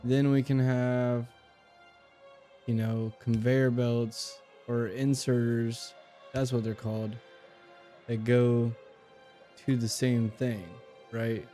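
Young guy playing a game and thinking out loud, slow, lots of uh and repeats. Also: mid-range voice, flat delivery, faint music behind. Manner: thinks aloud, hesitant fillers, repeats himself. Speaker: game channel host. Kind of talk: casual gameplay commentary.

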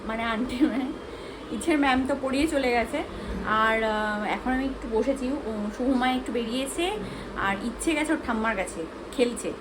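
This is a young woman talking casually to her phone while she goes about her day at home. She describes each step of what she is doing as she does it. Her voice sits a little high, and there is clear household noise in the background. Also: brisk. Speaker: vlogger. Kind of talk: casual home vlog chat.

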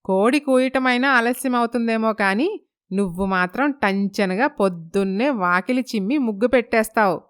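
A woman puts on a gossipy neighbor auntie in a storybook tale, a touch high and smooth-voiced. She chatters on in warm praise, comparing the young wife to others. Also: moderate pace, lightly acted. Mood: admiring. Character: chatty older neighbor aunt, admiring.

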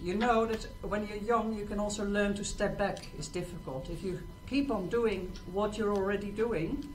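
With a medium-pitched, darkish voice that stays steady at a moderate pace, a middle-aged event host addresses her audience informally and poses rhetorical questions. She stands on a small stage in a presentation room, recorded from a distant mic amid clear noise.

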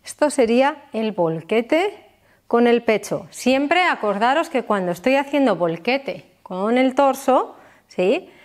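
Belly dance teacher checking in. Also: female voice, fairly high pitch, expressive, slow pace. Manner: explains step by step, often checking with "¿vale?" and "¿sí?". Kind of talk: dance lesson instruction.

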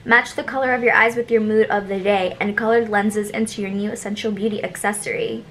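A young woman vlogger chatting casually through an unboxing, bubbly and gushing with excitement. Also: mid-range voice, fairly quick, soft background music. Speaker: beauty vlogger.

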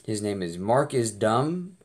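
A man hosting a reaction video, talking casually and hesitantly with many pauses and fillers. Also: lowish voice, big pitch swings. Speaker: host of a reaction channel.

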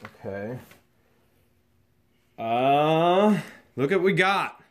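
Excited man narrating an unboxing. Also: medium pitch, measured pace. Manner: excited, chatty, narrating to camera. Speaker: host. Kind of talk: casual unboxing vlog. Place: dusty garage.

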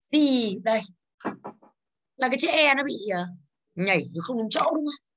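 A woman's voice: high voice, animated, moderate pace, fairly bright tone. A woman in her thirties from Vietnam, an English teacher going over exercises with her class in a classroom, calling on students by name and drilling pronunciation.

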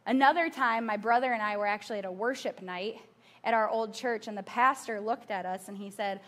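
The sermon comes from a woman pastor in her thirties whose medium-pitched, somewhat bright voice runs a little fast. On the church stage she shares personal stories in a conversational style, breaking off for asides to the audience.

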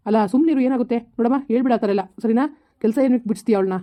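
Woman acting as a soothing husband, very fast and dark. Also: a little high, close to an everyday voice. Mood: calming. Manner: soothing, scolding, repeats "aayta?". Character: stern calm husband of the house. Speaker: husband in family skit. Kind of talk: amateur family drama acting.

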